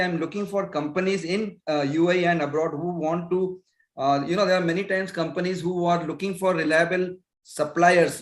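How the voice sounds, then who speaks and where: A man's voice: fairly high pitch, roomy sound. A man from Pune with an Indian accent, introducing his business at an online meeting, with many hesitant fillers. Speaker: business owner and networking member.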